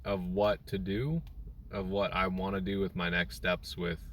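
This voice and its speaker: A young man talks into his phone from a parked car, live-streaming in a loose, rambling way with lots of fillers and restarts. His voice sits fairly low and comes across a little distant from the phone mic, with a faint hum of ambience behind him. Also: flat delivery, measured pace, fairly bright tone. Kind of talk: casual live-stream chat. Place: in a parked car in a store parking lot.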